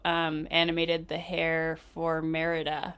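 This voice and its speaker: Slow-talking, giggly woman on a stream. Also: low-pitched, monotone, fairly bright tone, clean tone. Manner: giggly, chatty, eager. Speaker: livestream co-host. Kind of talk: casual gaming livestream chat.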